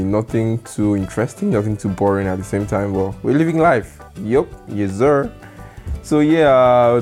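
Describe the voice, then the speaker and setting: A man hosting a casual podcast, relaxed and teasing, often repeating his words. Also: fairly low pitch. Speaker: podcast host.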